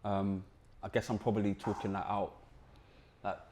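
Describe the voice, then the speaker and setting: A man's voice: on the low side, level tone, moderate pace, a little mellow, slight background noise. London roadman-accented young male podcast host. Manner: London roadman slang, informal and banter-heavy. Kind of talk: casual chat.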